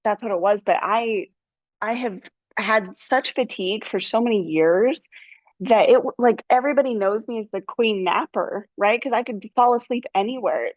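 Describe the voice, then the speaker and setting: A woman's voice: on the high side, normal speed, no echo, dull audio. A woman podcast host speaking openly and chattily over a video call, often tagging her sentences with "right?". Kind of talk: casual conversational interview.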